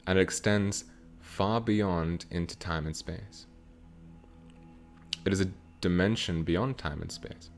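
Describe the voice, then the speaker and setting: Deep-voiced man, slow measured teaching. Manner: slow, measured, broken into short phrases. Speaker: spiritual teacher channeling a guide. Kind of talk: channeled teaching with guided meditation.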